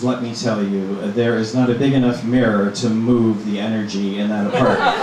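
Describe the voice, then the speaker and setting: A middle-aged man from Minnesota works through a stand-up set at a middle pitch, with a deadpan delivery padded by ums. His voice rings through a very echoey small club, picked up from a little way off the mic, with a faint hum of room ambience behind him. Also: far from the mic. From Minnesota, USA. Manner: halting, filler-heavy, deadpan delivery. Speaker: stand-up comedian.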